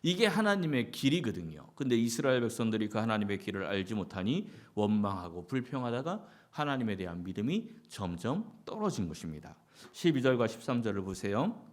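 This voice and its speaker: A man preaching a Sunday sermon as pastor. He keeps asking the congregation questions and answers them himself, and he slips into short acted-out quotes. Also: mid-range voice. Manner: lively, rising and falling delivery with short acted-out quotes.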